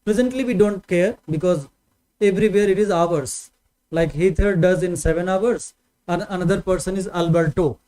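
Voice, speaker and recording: Indian man, maths teacher; high, mellow voice, patient and repetitive, keeps checking in with students. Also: normal speed, low-quality recording. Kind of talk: online maths lesson.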